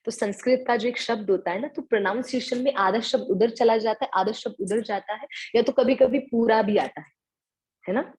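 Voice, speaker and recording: A woman's voice: fairly high pitch, moderate pace, a little mellow, slightly rough. A woman teaching Sanskrit verses in an online class, patiently breaking words apart, repeating lines and mixing English words into Hindi. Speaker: scripture teacher.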